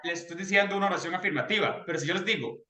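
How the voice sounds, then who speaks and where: Male teacher with a high, bright voice, patient and explanatory, recorded in an echoey room. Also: rapid-fire. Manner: patient, checks in often with students. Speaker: English teacher. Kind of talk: explaining grammar to a beginner class.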